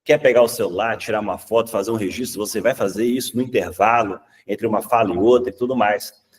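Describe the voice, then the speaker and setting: A Brazilian man with a fairly low voice gives a public speaking lesson in a chatty, animated way. He often tags his points with a quick "tá?" and acts out examples. He sounds set back from the microphone. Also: distant mic. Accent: Brazilian Portuguese. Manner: lively and conversational, often ending points with "tá?".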